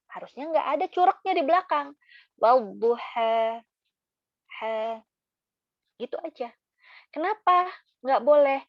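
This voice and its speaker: A woman's voice: on the high side, no echo, lo-fi sound. Woman teaching Quran recitation, chatty. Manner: chatty, demonstrates recitation slowly, frequent fillers. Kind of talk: casual tajwid lesson.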